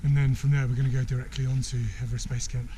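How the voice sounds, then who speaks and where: This trekker's voice is mid-range and dark, delivered flatly at a racing pace as he vlogs his hike on a high mountain trail. Upbeat and chatty, he thinks out loud while walking, recording on a handheld camera whose mic catches plenty of wind, ambient mountain sound and passing helicopters.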